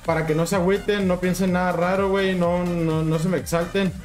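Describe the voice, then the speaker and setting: High-voiced hyped Mexican streamer guy. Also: level tone, brisk, soft background music. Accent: Mexican Spanish. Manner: hyped, slangy, keeps urging chat. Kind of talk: casual livestream chat with viewers.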